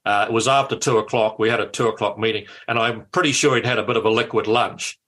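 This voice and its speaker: Bright-voiced older New storyteller. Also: male voice, fairly low pitch, fast. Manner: animated storyteller, repeats words. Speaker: radio guest, former MP. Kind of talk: anecdotal radio talk.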